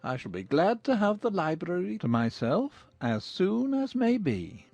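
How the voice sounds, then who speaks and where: A man acts out a middle-aged gentleman father in an audiobook drama. He is formal, measured and dryly ironic, with hugely swinging intonation in a fairly high male voice, recorded very dry. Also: wildly swooping pitch, creaky, no room sound, lo-fi sound, soft background music, exaggerated voice. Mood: wryly polite.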